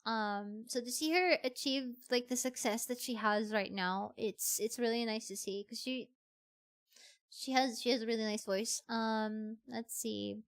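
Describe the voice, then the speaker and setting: With a slightly high, steady voice and a measured pace, this VTuber streamer from the Philippines chats casually with her livestream audience. She has a Filipino accent and tends to repeat phrases for emphasis.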